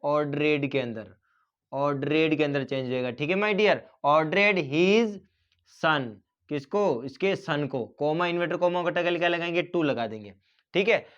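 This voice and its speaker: A man's voice: fairly high pitch, moderate pace, a bit bright, smooth, dull audio. A man teaching a grammar lesson, explaining step by step and asking and answering his own questions.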